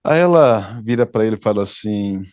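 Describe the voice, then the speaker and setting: Um pastor brasileiro, com sotaque do Brasil, pregando um sermão, contando uma história com animação e dando risadas. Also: male voice, on the low side, moderate pace, dry recording, studio quality. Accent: Brazilian Portuguese. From Brazil. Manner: animated storyteller, laughs often, acts out dialogue. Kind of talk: sermon with storytelling. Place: church hall, dry sound.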